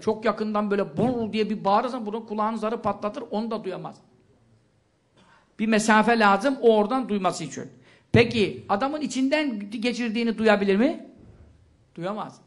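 Man preaching with rhetorical questions. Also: high-pitched. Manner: rhetorical questions answered himself, reciting Arabic verses quickly. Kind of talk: religious lecture.

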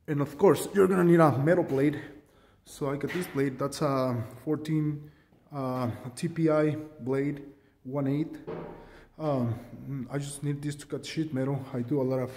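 Filmed on a handheld phone in his indoor garage workshop, a DIY fabricator shows off a tool mod he made. His voice is a little high with a darkish tone and a big-room sound, and he rambles casually, pokes fun at himself, and fills pauses with many ums.

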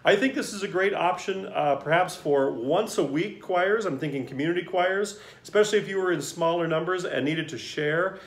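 Here the choir director sounds high-pitched, talking at normal speed with hardly any pauses as he wears and reviews a singer's mask. It's a casual, friendly product review, hesitant and packed with fillers like um and uh, captured in an echoey room.

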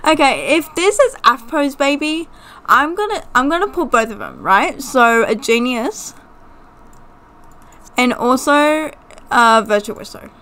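A high-voiced woman chattering through a life-sim game, her pitch leaping up and down as she giggles and gushes. She talks casually into a desktop mic, excitable and chatty. Her voice swings from soft asides to squealing highs. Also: takes it slowly, pauses often. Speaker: gaming video host. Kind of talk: casual gameplay commentary. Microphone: desktop USB mic.

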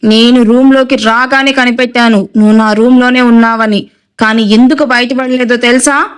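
A woman's voice: fairly high pitch, fairly even intonation, normal speed, smooth, natural voice. Woman reading as a cold, commanding elder brother. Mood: menacing. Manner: cold, commanding, clipped orders. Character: stern domineering young man, hot-tempered elder brother.

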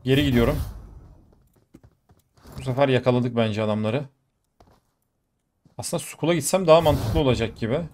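A young gaming YouTuber with a mid-range voice commentates live on his own gameplay, getting excited and exclaiming or swearing mid-fight. Gunfire from the game sounds faintly in the background.

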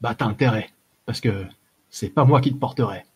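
A man voicing a gruff, mocking old male warrior in an audiobook, with blunt soldier's slang. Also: mid-range voice, normal speed. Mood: scolding. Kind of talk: audiobook character voice.

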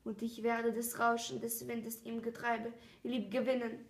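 A woman voicing a gentle, curious male fox in a storybook reading, earnest and coaxing, recorded with a roomy echo. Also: on the high side, little pitch movement, unhurried. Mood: wistful.

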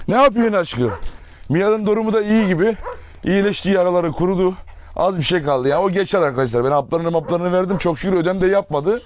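A man's voice: a little high, darkish tone. A man running a dog farm, chatting casually to his viewers and fondly calling to his dogs outdoors. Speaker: dog farm owner vlogger. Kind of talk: casual vlog talk to viewers. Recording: noisy outdoor recording with barking dogs. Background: dogs barking.

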